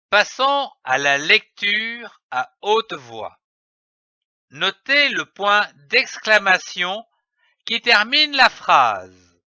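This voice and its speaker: A man giving a scripted reading lesson for young children, slowly spelling out letters and syllables. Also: sits high, pushed and bright, dry recording, highs cut off. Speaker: reading teacher.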